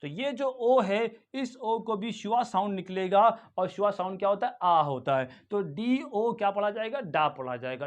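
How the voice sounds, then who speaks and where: A man with an Indian accent teaching English pronunciation, who asks his own questions, answers them and repeats each word again and again. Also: high voice. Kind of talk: classroom-style lesson.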